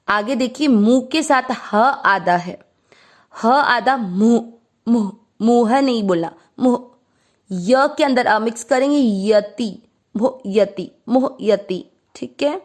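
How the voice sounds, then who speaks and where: A woman teaching Sanskrit verse pronunciation, breaking words into syllables and reciting them slowly and drawn out. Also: fairly high pitch. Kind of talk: patient pronunciation lesson.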